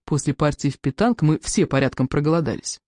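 A reader narrating a children's book in a lively storytelling manner. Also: medium pitch, brisk, no room sound, clean studio sound. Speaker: audiobook reader.

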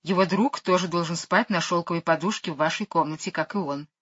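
A woman's voice: fairly low pitch, a little fast, a bit bright, husky, no echo. A prim, self-assured nanny, voiced by a woman reading a storybook who delivers her lines in a curt, matter-of-fact way. The recording is dull and lo-fi, with a dry sound. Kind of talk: audiobook character voice.

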